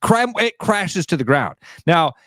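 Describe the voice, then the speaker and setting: A man co-hosting a radio show, chatting casually about sports with quick asides and laughs. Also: a little high, dry recording, studio quality. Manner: animated, quick asides, laughs while talking.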